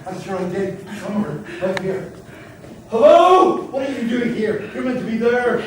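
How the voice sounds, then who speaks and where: An urgent, soothing fireman keeps coaxing survivors to move and hold on, as a man acts him out. His voice is fairly high for a man and heard from a distance. The room rings around him over steady noise. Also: fairly quick, natural voice. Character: reassuring male fireman rescuing survivors. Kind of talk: amateur audio drama. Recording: roomy, distant mic, ambient noise.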